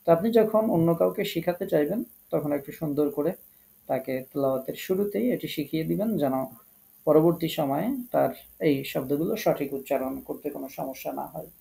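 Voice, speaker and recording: In an online lesson, a man with a Bangladeshi Bengali accent patiently teaches Quran recitation rules step by step, repeating each one and slowing down to model the recitation. His voice is fairly high, creaky and dark in tone.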